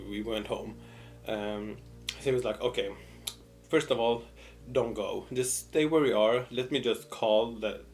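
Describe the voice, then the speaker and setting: Young man telling a casual animated story. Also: on the low side. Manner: animated retelling with repeated words and quoted dialogue. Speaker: mukbang storyteller.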